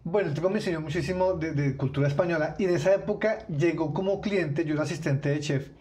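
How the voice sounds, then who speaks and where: A man's voice: fairly high pitch, fast, a little mellow. A man hosting an interview in Spanish, chatting eagerly and sharing his own stories. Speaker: interview host. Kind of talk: casual interview chat.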